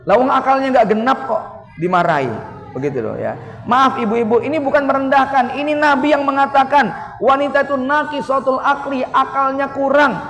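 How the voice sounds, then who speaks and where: Casting note: Javanese male preacher, high-pitched, joking, folksy sermon delivery, long hall reverb. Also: moderate pace, a bit bright. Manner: humorous, folksy, acts out quoted wife and husband. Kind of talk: mosque sermon. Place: mosque hall. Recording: echoey mosque hall reverb.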